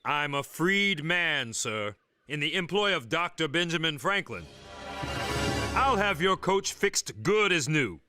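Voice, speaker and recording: A man's voice: on the high side, very animated, a little slow, pushed and bright, soft background music, full character voice. A man voicing a polite, proud freedman craftsman in a history cartoon. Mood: courteous, proud. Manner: polite, earnest. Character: courteous, proud freedman craftsman, eager to serve. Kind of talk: animated history cartoon acting.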